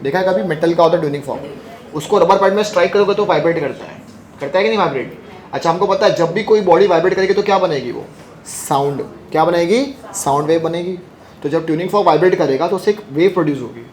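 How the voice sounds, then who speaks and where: A man's voice: on the high side, a little mellow, a little hiss or hum. A man teaching a physics class. He keeps asking his students questions, repeats their answers back, and teases them between points. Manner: joking and teasing with students. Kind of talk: classroom lecture.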